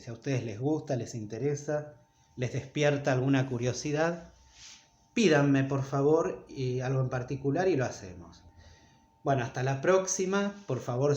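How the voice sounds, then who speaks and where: A man's voice: mid-range voice, darkish tone. A man teaching a casual video lesson, thinking aloud with frequent fillers as he goes. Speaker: Spanish teacher. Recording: echoey room, dull sound, faint noise.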